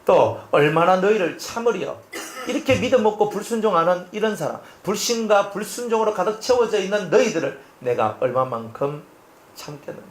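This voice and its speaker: A man's voice: high-pitched, brisk, reverberant. A male pastor, preaching an expository sermon and acting out the scenes as he tells them. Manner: animated storytelling, acting out scenes.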